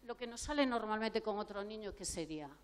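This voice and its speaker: Speaking briskly and with animation in a medium-pitched voice, a woman clinical psychologist lectures at a conference. She lays out her points and asks the audience rhetorical questions.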